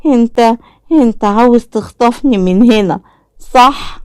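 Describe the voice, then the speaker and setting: Lady playing a scared little egyptian boy, high shaky pleading voice, storybook tale, dry sound. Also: normal speed, a little mellow, clear, resonant tone, dry recording, close to an everyday voice. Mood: fearful. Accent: Egyptian Arabic. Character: frightened young boy.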